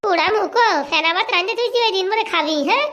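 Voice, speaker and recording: A shrill nagging wife. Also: pushed and bright, highs cut off. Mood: scolding. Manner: scolding, mocking, fast-talking. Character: nagging shrill village wife of a poor priest. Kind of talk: comic cartoon voice acting.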